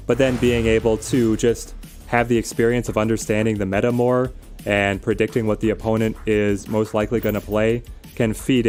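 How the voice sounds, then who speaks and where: With background music running, a man with a low, darkish voice gives relaxed live commentary on his game. He explains strategy conversationally, reasoning out loud and responding to viewers' questions.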